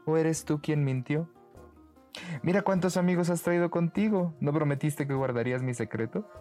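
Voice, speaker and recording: A man's voice: fairly high pitch, moderate pace, dark tone, soft background music, voice pushed up, lightly acted. A man voicing a clever, sly young peasant woman in a bedtime story, speaking sweetly and teasingly. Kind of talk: storybook character voice.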